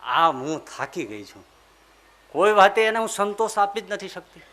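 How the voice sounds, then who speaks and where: A male preacher voicing a tired older village wife who pleads about her husband's habits in a soft, worn-out way. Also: high-pitched, expressive, moderate pace. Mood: weary pleading.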